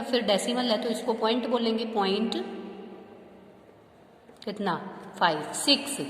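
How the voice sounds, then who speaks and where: A woman maths teacher with a fairly high voice patiently walks young students through a lesson step by step, checking their understanding with rhetorical questions. She sounds reverberant, as if in a large hall, with slight background noise.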